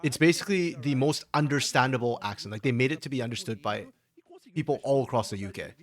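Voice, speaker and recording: A man co-casting an esports stream in a casual, playful chat, quick to tease and joke. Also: medium pitch. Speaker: esports co-caster.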